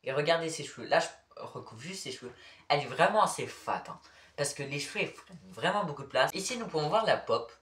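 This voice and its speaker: A man's voice: on the high side, lively intonation, a little fast, fairly bright tone. A man casually showing his figurine collection to the camera, talking hesitantly with many fillers and self-corrections. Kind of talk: casual show-and-tell to camera. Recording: echoey room, mic far off.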